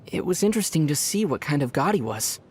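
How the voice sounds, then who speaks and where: An actor playing a young male wandering traveler in a video game, calm, thoughtful and soft-spoken. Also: fairly high pitch, quick pace, a little hiss or hum. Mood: reflective.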